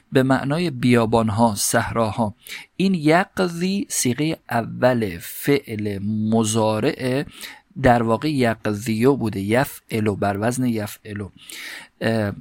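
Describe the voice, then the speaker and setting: Man slowly parsing Arabic in a lecture. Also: dry recording, clean studio sound. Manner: explanatory, recites Arabic phrases slowly and higher. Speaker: teacher of Arabic grammar. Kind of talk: classroom lecture explaining a text.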